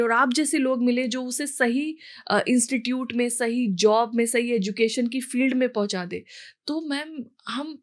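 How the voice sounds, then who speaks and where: A podcast host, a woman with a somewhat high voice. She talks in a reflective, conversational way and switches freely between Hindi and English. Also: fairly bright tone. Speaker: podcast host, writer and entrepreneur. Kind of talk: podcast interview.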